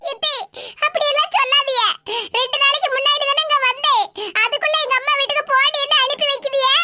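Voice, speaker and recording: A woman's voice: extremely high pitch, steady tone, fast talker. A woman doing a whiny, naive young bride. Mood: pleading. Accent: Tirunelveli Tamil. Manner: pleading, whiny, self-justifying. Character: naive young bride, daughter-in-law, dim-witted. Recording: loud background noise.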